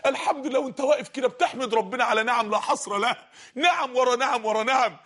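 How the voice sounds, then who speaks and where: A man preaching a fervent sermon in an Egyptian Arabic accent, exhorting his listeners and sometimes shouting. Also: very high voice, fast talker. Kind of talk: impassioned sermon.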